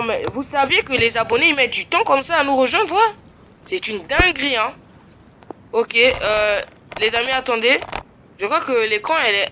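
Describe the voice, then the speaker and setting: A woman chatting casually to her viewers while playing a survival game, excitable and quick to squeal with surprise. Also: on the high side, slight background noise. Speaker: gaming YouTuber. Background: game music.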